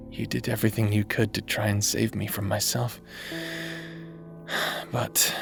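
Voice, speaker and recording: With a gravelly, fairly low voice, this man plays a necromancer husband full of remorse, now a haunting presence in his partner's memory. His roleplay audio drama delivery is soft-spoken, tender, and teasing.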